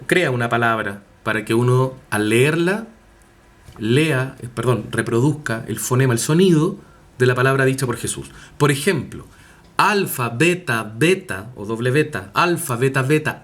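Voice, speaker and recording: A man giving a recorded university class, talking with many fillers, self-corrections and rhetorical tag questions. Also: mid-range voice. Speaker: university lecturer. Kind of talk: recorded online class lecture.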